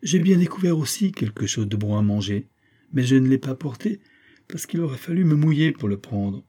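A man's voice: mid-range voice, expressive, normal speed, dark tone, breathy edge. A man voicing a studious young boy who reasons earnestly, in a storybook reading.

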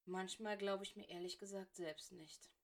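A woman reader voicing an irritable, sharp-tongued male teacher in her own reading voice. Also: mid-range voice, steady tone, normal speed, lightly acted. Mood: reproachful. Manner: sharp, reproachful. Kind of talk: fan fiction audiobook reading.

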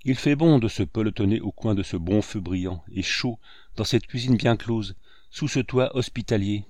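A man narrating a classic novel as an audiobook in a measured, even reading. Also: lowish voice, dry recording, clean studio sound. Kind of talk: scripted narration.

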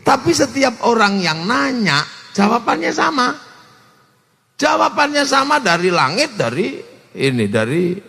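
Gravelly man preaching in a reverberant hall. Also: sits high, a bit bright. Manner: playful, acts out dialogue in changing voices. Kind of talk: humorous storytelling sermon.

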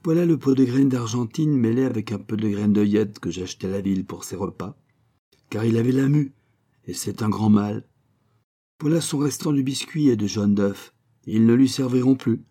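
A man reading a story aloud, voicing a kindly farmer who talks fondly and heartily to a pet bird in a raised, lively voice. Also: mid-range voice, normal speed, lightly acted. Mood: warm, jovial. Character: kindly good-humored male farmer, tender with a pet bird. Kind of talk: storybook character voice.

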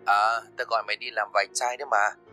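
A man voicing a blunt, brash older cousin on a phone call in a horror audio story, talking quickly and quietly. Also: lowish voice, flat delivery, faint music behind.

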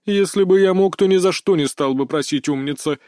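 A man's voice: sits high, sing-song, moderate pace, darkish tone, dry recording, clean studio sound, pitched above the performer's own voice. Vasilevsus, a man voicing a haughty huge cat. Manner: sulky, bargaining, whiny. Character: huge haughty ginger talking cat, male. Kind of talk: audiobook character voice.

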